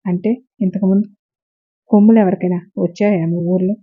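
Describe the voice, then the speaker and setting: A woman voicing a kind young husband who teases gently. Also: medium pitch, level tone, a little fast, husky, lightly acted. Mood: teasing. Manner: gently teasing. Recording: tinny phone-like sound.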